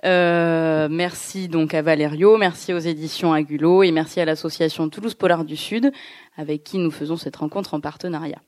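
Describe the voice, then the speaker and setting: A woman hosting an author event, introducing and questioning a guest in a hesitant, halting way. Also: low voice, fairly even intonation, darkish tone, dry recording, clean studio sound. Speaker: host of a bookshop author event. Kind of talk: live event introduction and interview.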